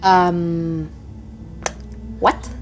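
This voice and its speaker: A woman's voice: lowish voice, flat delivery, very slow, poor audio. A woman giving casual let's play commentary as she plays and reacts to a game. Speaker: gamer playing and reacting. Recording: game music behind the voice.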